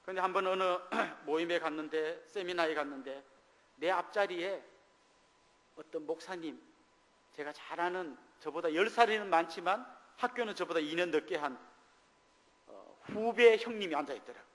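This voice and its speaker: High-voiced male pastor in echoing church. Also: normal speed. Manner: storytelling testimony, acting out quoted dialogue. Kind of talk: sermon. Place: church sanctuary. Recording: long reverb of a church hall.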